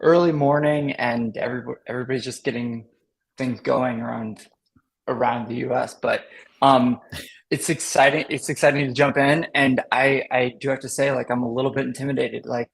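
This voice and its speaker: An American man speaks as a guest on a live stream, over a video call. His voice has a gravelly, fry-heavy edge. He talks in a loose, easy way. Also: mid-range voice, fairly even intonation, moderate pace, low-quality recording. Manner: loose, with many "like"s. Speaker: guest author and educator. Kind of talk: casual live stream interview.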